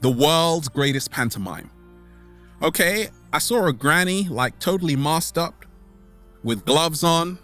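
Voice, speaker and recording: An expressive, slightly bright male voice on the high side leads this vlog, with faint music behind it. The host gives his online followers a playful, theatrical motivational monologue, repeating catchphrases and stretching words to emphasize them.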